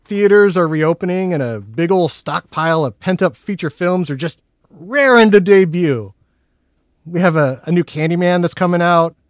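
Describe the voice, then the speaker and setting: Higher-voiced man hosting, dry close sound. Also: normal speed, no echo. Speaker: podcast host. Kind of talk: casual horror film review chat.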